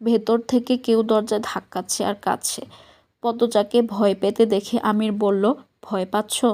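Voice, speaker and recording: A woman's voice: mid-range voice, little pitch movement, unhurried, mellow. A woman narrating a novel as an audiobook, reading the characters' dialect dialogue in her own voice. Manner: reads all characters in one voice, dialect dialogue.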